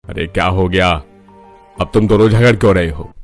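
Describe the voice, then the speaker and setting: A man voicing an exasperated older father-in-law who tries to calm a family quarrel in an animated story. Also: low voice, normal speed, faint music behind, natural voice.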